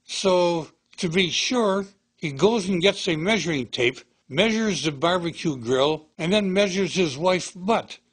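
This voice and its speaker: A man informally telling a smutty joke in a halting, stumbling delivery. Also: high-pitched, expressive, a bit bright, breathy edge, low-quality recording. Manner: smutty joking. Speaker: joke teller.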